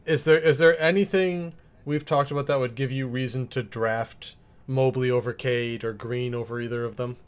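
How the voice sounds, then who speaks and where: Mid-pitched man hosting sports talk. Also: fairly even intonation, moderate pace, few pauses, clean tone. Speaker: sports discussion host. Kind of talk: casual sports discussion.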